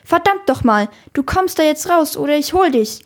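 A woman voicing a furious, bossy male lifeguard in a book read aloud, shouting his orders in a raised voice. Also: sits high, normal speed. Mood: angry.

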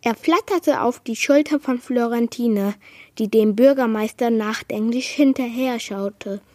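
A woman reads a children's story aloud at an unhurried pace. Her voice sits a little high and sounds close and dry. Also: dark tone, no room sound. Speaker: reader. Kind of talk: children's book reading.

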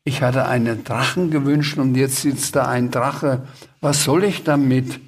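A man's voice: medium pitch, fairly even intonation, a little slow, slightly rough. A man voicing a cheeky, impatient, childlike creature in a brash, raised voice, for a children's story read aloud.

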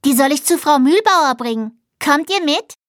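A woman reading a storybook, voicing a cheerful, slightly timid little girl in a soft childlike voice. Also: sits high, lively intonation, normal speed, dry recording, clean studio sound, pitched above the performer's own voice. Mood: friendly.

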